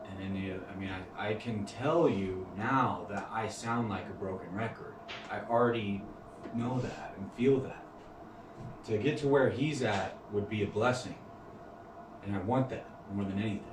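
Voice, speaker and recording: A man making a hesitant, halting, self-critical confession. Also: on the low side. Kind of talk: emotional confession. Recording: echoey room from far off, noisy.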